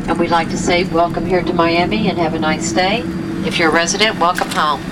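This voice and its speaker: A woman's voice: lowish voice, fairly even intonation, fairly quick. A woman flight attendant making a formal, courteous scripted airline cabin announcement. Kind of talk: airline cabin announcement after landing, like an airport announcement. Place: inside an aircraft cabin. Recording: loud aircraft cabin noise.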